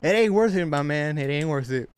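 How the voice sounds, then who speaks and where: A man's voice: a little high, expressive, a little fast, smooth. A man co-hosting a podcast in casual chat, chiming in with crude wisecracks and short replies. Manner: joking, chimes in with crude wisecracks and laughs. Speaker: podcast co-host.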